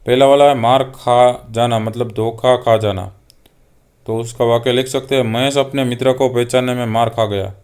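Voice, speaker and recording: A man's voice: medium pitch, normal speed, smooth. A young man, patiently explaining homework answers one item at a time as a teacher. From Gujarat. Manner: steady, patient, reads items aloud one by one.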